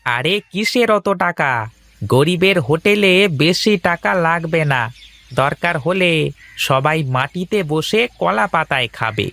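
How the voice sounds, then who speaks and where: A man's voice: on the high side, lively intonation, a little slow, vocal fry, pushed and bright, heavily acted. A man voicing a caring village neighbor who takes charge and reassures others in a cartoon story. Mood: reassuring. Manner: urgent, reassuring. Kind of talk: animated cartoon voice acting.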